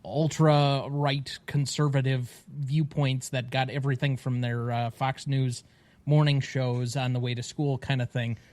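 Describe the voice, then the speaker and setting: A man's voice: medium pitch, level tone, unhurried, a little mellow. A man co-hosting a podcast in casual chat, with a wry conversational manner. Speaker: podcast co-host.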